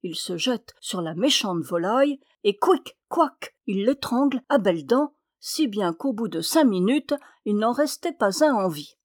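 A woman reading a fairy tale aloud in a lively, expressive way. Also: mid-range voice, measured pace, few pauses, no room sound, studio quality. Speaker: storyteller.

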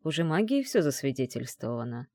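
A woman voicing a masked young male prince who speaks in a slow, unbothered way. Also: extremely low pitch, big pitch swings, mellow, no room sound, studio quality, voice pushed down, full character voice.

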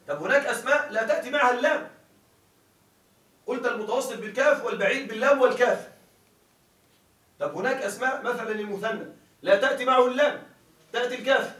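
A man's voice: very high-pitched, a bit bright, roomy sound, far from the mic, poor audio. A male teacher gives a grammar lecture. He reads a classical text aloud, explains it, and keeps checking that his listeners follow.

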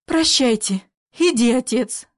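A woman reading a proud young woman, indignant and defiant, her voice raised and a bit high. It is read slowly and sounds dry. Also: lively intonation, dry recording, full character voice. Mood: urgent. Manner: indignant, trembling outbursts. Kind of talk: play reading.

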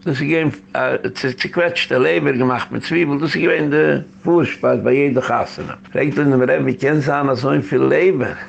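Gravelly rabbi man, lo-fi lecture. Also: mid-range voice, steady tone, moderate pace, hardly any pauses, slight background noise. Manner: rambling storytelling mixed with English phrases. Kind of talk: community lecture. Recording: dull lo-fi recording.

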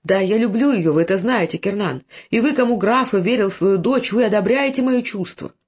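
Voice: mid-range voice, normal speed, husky, natural voice. A reader voicing a devoted, brave young nobleman who speaks with impassioned earnestness, on a dull lo-fi recording.

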